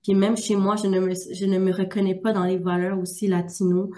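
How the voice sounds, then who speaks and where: A young woman with a Québécois French accent gives a personal testimony as a webinar guest. Her delivery is halting and full of fillers, with a flat melody and a dark, mellow tone. She speaks from her workplace at a school. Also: mid-range voice. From Quebec. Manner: halting, many filler sounds. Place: primary school workplace, some noise.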